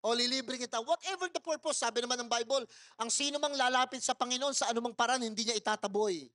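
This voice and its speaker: High-voiced man preaching a loud, story-filled sermon. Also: fast talker. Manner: storytelling, mixing in English phrases; laughs often while telling stories. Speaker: pastor. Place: church service held in a mall.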